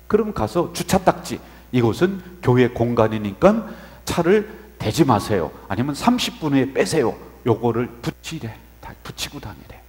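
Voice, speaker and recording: A male pastor preaching a sermon, telling stories animatedly, swinging from soft asides to loud exclamations. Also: a little high, big-room sound. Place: church sanctuary.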